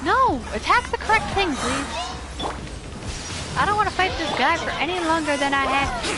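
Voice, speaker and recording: A woman's voice: high-pitched, lively intonation, normal speed. A woman giving casual, sarcastic and playful gameplay commentary. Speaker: gamer commentator. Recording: commentary over loud game music.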